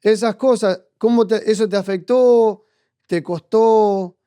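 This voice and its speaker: A man's voice: high-pitched, slow pace, dark tone, smooth, no echo, studio quality. A man with an Argentine accent hosting a podcast interview, speaking in a reflective, hesitant way with frequent restarts. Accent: Argentine Spanish. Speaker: podcast host. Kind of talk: conversational interview.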